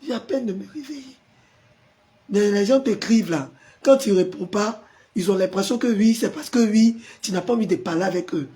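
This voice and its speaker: A pastor hosting a live stream, hoarse from a sore throat and forcing his voice out as he chats with viewers and answers their comments. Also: sits high, moderate pace, mellow. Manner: chatty, greets viewers by name and answers comments.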